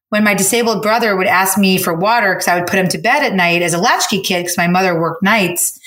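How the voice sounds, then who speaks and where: A woman hosting a casual conversation, telling stories in an animated way and often speeding up or slowing down. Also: medium pitch, reverberant. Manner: animated, storytelling, rapid shifts in pace. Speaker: host.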